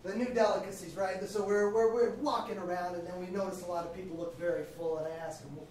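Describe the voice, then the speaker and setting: An improv performer tells an absurd story in a flat, matter-of-fact way. The voice is mid-pitched. It comes from far off in a very echoey club. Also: fast, a little hiss or hum.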